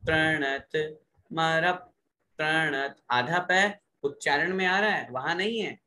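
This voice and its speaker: Slow-chanting man teaching pronunciation. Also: on the high side, pushed and bright, rough recording. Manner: slow drawn-out recitation alternating with brisk explanation. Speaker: religious recitation teacher. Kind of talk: pronunciation lesson with call-and-repeat chanting.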